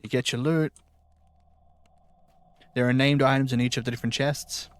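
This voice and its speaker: A man's voice: mid-range voice, steady tone, moderate pace, clean tone, no room sound. A man streaming a video game, casually explaining the quest as he plays. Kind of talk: casual gameplay commentary.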